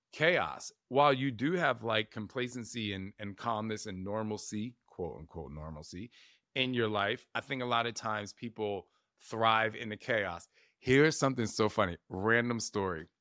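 A man's voice: fairly low pitch, sharp tone, no echo, studio quality. A middle-aged man hosting a self-help podcast, talking casually with lots of "like" and asking listeners reflective questions. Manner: casual, conversational, full of "like" and asides, coaching listeners with questions. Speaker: podcast host.

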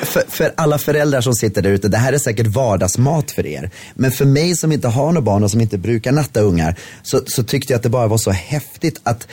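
Husky man telling a story animatedly. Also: mid-range voice, dry recording. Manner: warm storytelling with many restarts. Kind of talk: casual chat.

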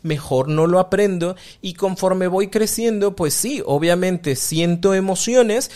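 Higher-voiced Mexican man hosting a reflective podcast. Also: a little slow, a little mellow. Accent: Mexican Spanish. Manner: conversational, acts out quoted parents and friends. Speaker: podcast host. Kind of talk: reflective monologue on emotions.

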